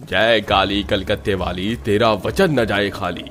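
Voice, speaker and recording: A man's voice: medium pitch, lively intonation, measured pace, fairly bright tone, slight background noise. A man voicing a stern male ascetic holy man in a cartoon, solemn and warning. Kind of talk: cartoon voice acting.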